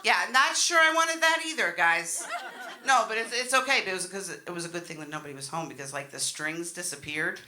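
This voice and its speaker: Brash woman comedian over a loud, laughing crowd. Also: on the low side, brisk. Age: middle-aged. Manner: brash, bawdy, sweary, self-deprecating. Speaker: stand-up comedian. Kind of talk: live stand-up comedy set, storytelling. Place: comedy show in front of an audience. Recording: noisy live room with loud audience laughter. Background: loud crowd laughter and noise.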